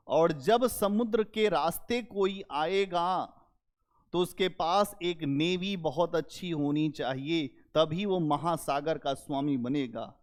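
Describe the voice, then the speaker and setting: Male history lecturer, fairly high voice, deliberate and emphatic, repeats key points. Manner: rhetorical questions to students. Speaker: history teacher. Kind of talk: exam-prep history lecture.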